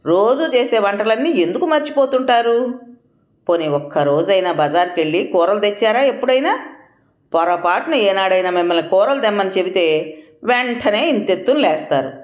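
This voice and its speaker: A woman's voice: mid-range voice, lively intonation, normal speed, lightly acted. A woman voicing a busy housewife who answers her husband's complaints with exasperated, defensive replies in a storybook reading. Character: busy patient housewife and mother. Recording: roomy echo.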